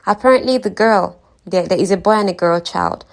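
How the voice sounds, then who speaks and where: In a medium-pitched voice and at a brisk pace, a woman retells a fantasy story for her listeners. She keeps it chatty and informal, sprinkling in throwaway remarks.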